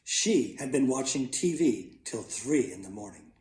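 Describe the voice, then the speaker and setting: Slow, dramatic male storyteller. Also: medium pitch, lively intonation, a little mellow, reverberant. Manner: slow, dramatic, playful sound effects. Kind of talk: children's storybook reading.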